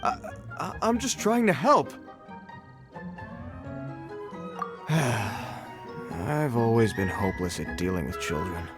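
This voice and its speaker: A man's voice: medium pitch, big pitch swings, unhurried. A man voicing an earnest, dutiful patrol soldier in a video game, speaking in a stiff, formal, slightly awkward official manner. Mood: hesitant, worried. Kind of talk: video game character acting. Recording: game music playing behind.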